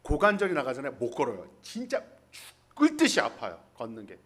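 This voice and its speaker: In a Hanoi church, a pastor with a mid-range, slightly bright voice talks fairly quickly, his pitch rising and falling hugely. His sermon is colloquial and jokey, full of stories with dialogue voiced in character.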